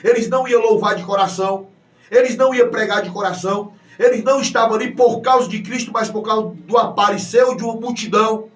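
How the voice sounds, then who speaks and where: Brazilian pastor man preaching hard, hushed then shouting, faint music behind. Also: high voice. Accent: Brazilian Portuguese. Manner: impassioned, swings from hushed to shouting. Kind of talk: sermon. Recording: echoey hall, mic at a distance, faint music.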